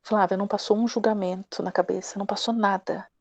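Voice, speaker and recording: Middle-aged Brazilian woman, direct and animated, mellow voice, dry close sound. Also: mid-range voice, fast talker, dry recording, highs cut off. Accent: Brazilian Portuguese. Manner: direct, animated, acts out quoted dialogue. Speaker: class participant. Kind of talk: personal sharing in a live session.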